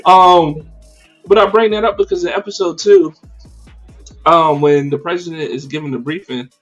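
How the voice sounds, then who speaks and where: A man hosting a casual livestreamed podcast, talking in an animated, slangy and profane way with many fillers. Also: fairly high pitch, moderate pace, lo-fi sound, soft background music. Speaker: podcast host.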